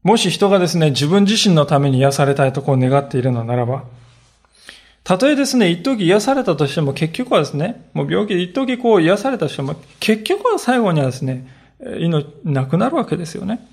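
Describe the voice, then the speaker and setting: A man preaching a sermon as a pastor, telling the story with earnest, animated delivery. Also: a little high, a little fast, breathy edge.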